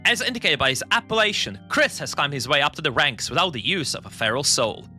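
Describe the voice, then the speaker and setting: A man reading out a pompous arena announcer from a game in a formal, quick manner. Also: a little high, lively intonation, bright, forceful tone, soft background music.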